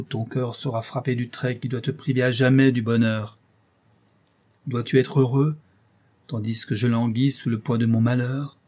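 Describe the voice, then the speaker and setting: A man's voice: mid-range voice, warm tone, natural voice. A man reading as a vengeful, bitter creature. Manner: menacing and reproachful. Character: wretched vengeful male creature, bitter and threatening. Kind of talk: audiobook reading.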